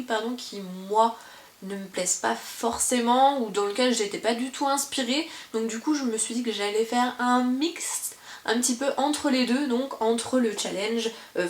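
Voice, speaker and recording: A woman's voice: fairly high pitch, roomy sound. A young woman presenting books in a casual vlog from her parents' living room, talking in a chatty way with many fillers and restarts. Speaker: book vlogger. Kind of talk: casual book presentation to camera.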